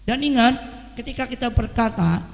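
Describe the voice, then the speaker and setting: A man's voice: very high voice, expressive, normal speed, gravelly. A man preaching a sermon to his congregation, speaking to them directly and acting out gossip in quoted voices. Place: worship hall. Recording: long hall reverb.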